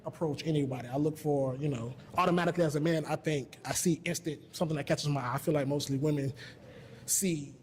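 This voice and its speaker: A man's voice: on the high side, fairly even intonation, quick pace. A man chatting casually as a contestant, polite and tactful, hedging as he goes. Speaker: dating show contestant. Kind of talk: casual chat.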